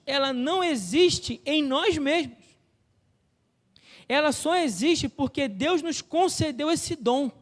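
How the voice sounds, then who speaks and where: A Brazilian Portuguese-accented male pastor preaches in a church with a very high voice. He explains like a teacher and keeps asking his listeners questions. His voice rings out with a long reverb trailing through the hall. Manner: teacherly, asks the congregation rhetorical questions. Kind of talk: sermon.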